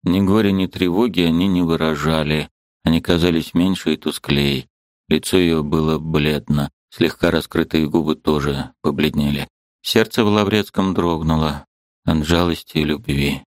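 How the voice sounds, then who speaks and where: A man narrating a classic novel as an audiobook, in a measured, even storytelling manner. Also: a bass voice, no echo.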